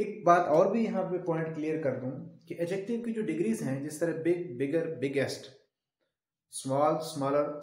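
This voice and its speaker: A man's voice: on the high side, darkish tone. A male English teacher giving a grammar lesson, explaining step by step and answering his own questions. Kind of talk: classroom grammar lecture. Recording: very echoey room.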